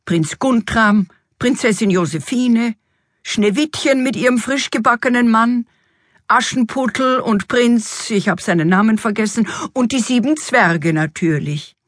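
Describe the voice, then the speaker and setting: A woman voicing an excitable, fussy fairy-tale king in a storybook reading, with an exuberant, exclamatory manner. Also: fairly high pitch, measured pace, no room sound, clean studio sound, voice pushed up.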